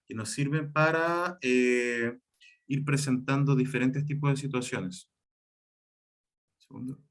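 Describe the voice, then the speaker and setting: A man with a mid-range voice teaches a spelling lesson over slides, walking through the rules step by step at a slow, steady pace. He has a Chilean Spanish accent and often uses fillers and corrects himself.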